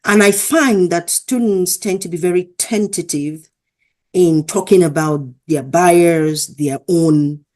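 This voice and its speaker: A woman's voice: fairly low pitch, slow pace, darkish tone. A woman from Africa, a professor and interview guest, talking earnestly and telling stories in a conversational way. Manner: earnest, acts out quoted dialogue.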